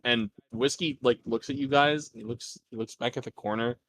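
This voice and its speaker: A man's voice: medium pitch, fairly even intonation, moderate pace, a bit bright. A man running a tabletop game as game master, narrating crudely and laughing often.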